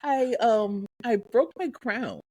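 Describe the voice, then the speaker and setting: A woman's voice: fairly high pitch, takes it slowly, no echo, low-quality recording. Chatty woman co-host, dry close sound. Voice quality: animated, rambling storytelling with voiced asides. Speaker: podcast co-host. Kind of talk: casual chat.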